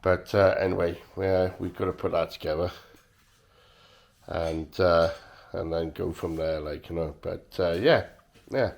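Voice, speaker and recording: A man chatting casually to camera in a hesitant, joking way, full of pauses and uhs as he shows off new equipment. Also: low voice, fairly even intonation, vocal fry, darkish tone. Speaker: vlogger showing new equipment.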